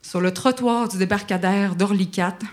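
Lively Quebec French woman telling a story. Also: mid-range voice, normal speed. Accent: Quebec French, Outaouais. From Quebec, Canada. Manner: lively, self-mocking, acts out her own pleas. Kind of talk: personal storytelling.

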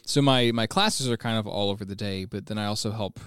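Fairly low-pitched but a bit bright and smooth, this twenty-something American man talks fairly quickly as a guest in a conversational interview. He's an ESL teacher, and his answers are enthusiastic and full of explanation; the sound is clean studio audio with no room tone.

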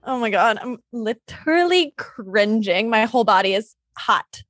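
A young adult woman co-hosting a podcast in casual, comedic chat, blunt and dramatic and quick to swear. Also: fairly high pitch, expressive, fairly bright tone, dry recording. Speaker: podcast co-host.

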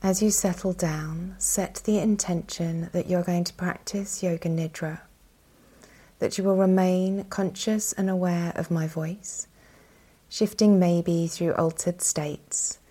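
A woman instructs a guided yoga nidra meditation in a calm, soothing manner. Her fairly low voice is soft and breathy, with long pauses.

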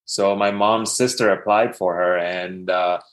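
Low-voiced man from Dubai telling his story. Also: fairly even intonation, measured pace. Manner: rambling, many fillers and restarts. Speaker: podcast guest. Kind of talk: casual storytelling interview.

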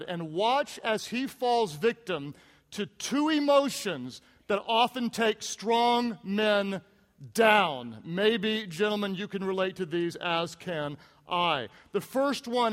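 High-voiced preacher in a reverberant hall. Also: male voice, a bit bright. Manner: humorous, emphatic storytelling. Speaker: pastor. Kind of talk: sermon.

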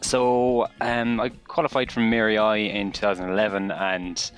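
A man's voice: fairly low pitch, flat delivery, moderate pace, fairly bright tone, faint music behind. A man in his thirties with a western Irish accent, chatting casually and reflectively as a podcast co-host. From County Mayo, Ireland. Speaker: guest co-host, primary teacher.

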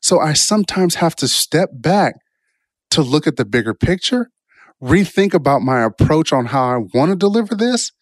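Sing-song and on the high side, a man's voice moves at a moderate pace with no room sound. He's an adult motivational speaker, beyond college age, rambling reflectively through personal stories in a casual self-help way and often asking "right?"

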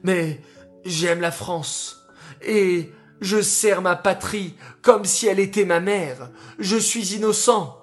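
A man's voice: a little high, expressive, slow, long pauses, soft background music. A man voicing a young army captain who earnestly pleads that he is innocent. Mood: pleading. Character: young army captain, wrongly accused, proud.

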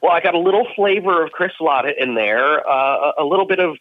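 An eager man from Maryland talking as a guest, his stories bouncing between low asides and excited peaks. The audio is dry and slightly muffled, with a lo-fi dullness. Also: fairly quick, no echo. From Maryland, USA. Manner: eager, animated storyteller. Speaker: guest voice actor. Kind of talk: casual interview talk.

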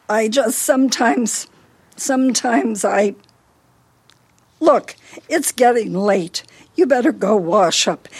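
A woman is wanted to voice a bossy older American wife in a radio play, fussy and scolding. Her voice should be slightly raspy with lively pitch swings, in a full character voice.

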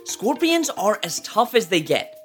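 Loud music plays behind this nature documentary narration by an educational presenter, whose very animated voice sits at medium pitch and moves at a measured pace. He talks directly to the listener in a casual, explanatory way, his intonation rising and falling freely.

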